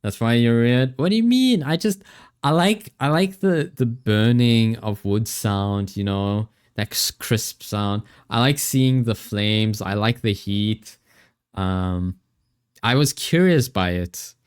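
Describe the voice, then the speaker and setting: A chatty man streaming from home, talking straight into a livestream headset mic. His voice sits at a medium pitch and comes through smooth and clean. He rambles cheerfully between viewer shout-outs. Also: animated, slow. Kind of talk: casual stream chat thanking viewers.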